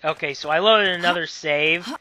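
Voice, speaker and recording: A man's voice: a little high, moderate pace, sharp tone. A man giving casual, rambling commentary over a game playthrough, apologetic and given to corny jokes. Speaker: gameplay commentator.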